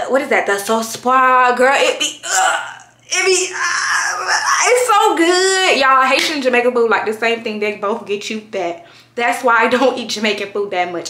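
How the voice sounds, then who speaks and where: A young woman chatting to her camera at home in a slangy, expressive way. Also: a little high. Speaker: vlogger. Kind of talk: casual chat to camera. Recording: roomy echo.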